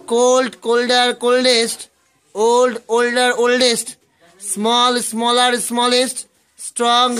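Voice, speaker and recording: A male tutor gives a grammar lesson and explains each rule slowly. His voice sits very high and sounds bright and sharp. He reads lists of words in an even, measured rhythm. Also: smooth.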